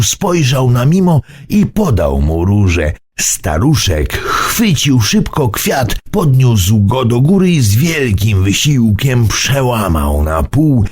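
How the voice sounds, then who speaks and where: A man reading a children's bedtime story, slow and deliberate, with a husky voice. His pitch rises and falls dramatically to carry the tale. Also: a little mellow. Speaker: narrator.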